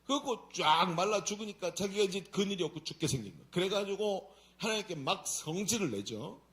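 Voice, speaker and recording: Lively high-voiced Korean pastor preaching. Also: male voice, brisk. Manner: colloquial, animated storytelling preaching. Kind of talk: sermon at a Friday prayer meeting. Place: church sanctuary.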